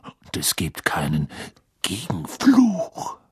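A man voicing a grim, menacing old male wizard teacher with slow, low, drawn-out speech in an audiobook reading. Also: huge pitch swings, husky, no room sound, in a whisper, clean studio sound, full character voice. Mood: grim, hushed.

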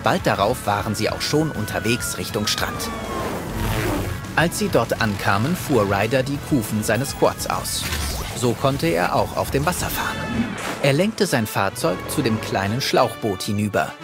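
A man's voice: medium pitch, animated, measured pace. A man narrating a scripted story for children. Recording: prominent music behind.

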